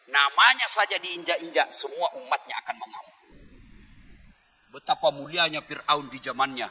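With a voice that sits high and sounds slightly rough, a man preaches to a crowd in a lively, humorous way. He jokes with and teases the audience, then turns earnest, all under a long hall reverb.

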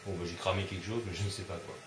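A man's voice: sits low, level tone, racing, echoey room, noisy background. Grumbling man swearing through a game. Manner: swears often, grumbling and easily annoyed. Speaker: gamer doing a let's play. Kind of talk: casual gameplay commentary.

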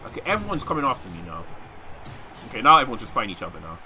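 Young guy doing let's play commentary, super bright voice, bounces all over, bit of hiss behind. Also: medium pitch, racing. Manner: animated, reacting loudly with frequent laughs and yelps. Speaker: gaming YouTuber.

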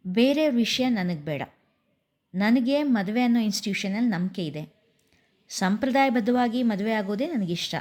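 A woman voicing a calm, firm young woman who holds to tradition. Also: on the high side, normal speed, natural voice.

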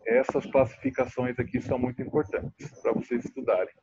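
A man's voice: medium pitch, little pitch movement, brisk. A man teaching a class online, patient and stretching out words as he explains, often checking in with the students. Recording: muffled lo-fi audio, faint noise.

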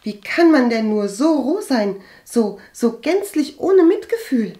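A woman's voice: fairly high pitch, lively intonation, normal speed, a little mellow, voice pushed up, natural voice. A woman reading an audiobook and voicing an earnest, hot-tempered young woman healer who speaks in a heated, reproachful way. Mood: angry. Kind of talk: audiobook character voice.

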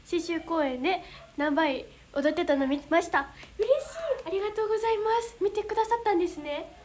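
A young woman with a Kansai accent talks to her viewers in a high, sweet voice. She chats casually, giggles often and gets flustered easily. A faint hiss sits behind her close-miked voice. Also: a little fast, darkish tone. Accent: Kansai Japanese. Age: young adult. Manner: bubbly, giggly, flustered exclamations. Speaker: idol livestreamer reading fan comments. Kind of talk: casual livestream chat.

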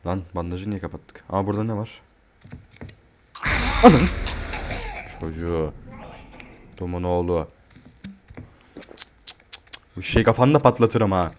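A man playing a horror game and commenting, joking and swearing, yelling in panic when chased. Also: low-pitched, moderate pace, pauses often, a little hiss or hum. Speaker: gamer.

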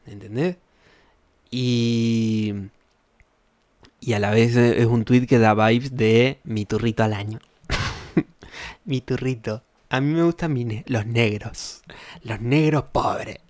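A young Argentine streamer with a Rioplatense accent reacts to tweets, speaking slowly with long pauses in a medium-pitched, darkish voice and fairly even intonation. His casual chat is rambling and sarcastic, full of swearing and laughter at his own jokes, with no room sound.

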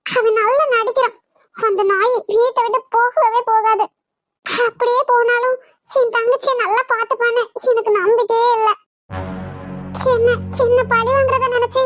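A woman's voice: extremely high pitch, fairly even intonation, normal speed, soft background music, poor audio. A woman voicing a shy, worried young heroine in a cartoon, talking in nervous, fretful asides. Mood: worried sad. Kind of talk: cartoon voice acting.

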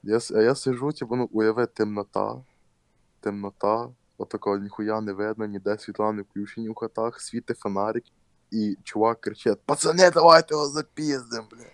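Low-voiced young man swearing through a story. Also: little pitch movement, fairly quick, darkish tone, no room sound. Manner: crude slang-heavy, laughs often. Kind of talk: casual storytelling with acted quotes.

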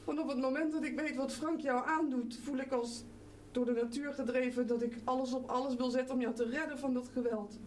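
An actress playing a worried sister who questions earnestly and is desperate to help. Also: female voice, high-pitched, steady tone, a little fast, darkish tone, distant mic, a little hiss or hum, natural voice. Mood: despairing. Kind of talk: live stage drama. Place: theatre stage.

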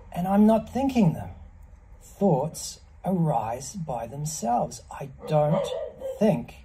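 Man, fifties, slow reflective delivery, medium pitch, measured pauses, faint background noise. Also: dark tone, low-quality recording. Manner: contemplative, measured, with pauses between short phrases. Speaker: ice bath practitioner. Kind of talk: reflective monologue to camera. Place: small block-walled semi-outdoor space, in an ice bath.

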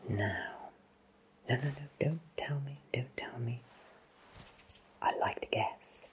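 A man whispers an ASMR roleplay close to the microphone in a medium pitch, playing a cheerful, courteous potion shopkeeper in a fantasy town. His phrasing is flowery, genteel, and theatrical, with deliberate pauses.

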